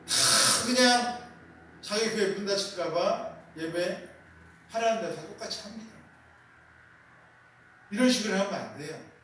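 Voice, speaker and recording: A man's voice: high-pitched, measured pace, pauses often, fairly bright tone, recorded from a distance. Male pastor, emphatic sermon delivery with repeated key words, very echoey room with faint background noise. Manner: rhetorical questions with call-and-response. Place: small church.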